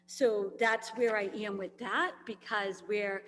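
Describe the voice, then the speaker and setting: A woman's voice: medium pitch, steady tone, takes it slowly, fairly bright tone. A woman on a school committee speaking at a public meeting, tired and losing her voice, rambling with many fillers. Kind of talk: meeting discussion. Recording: long reverb, faint hum.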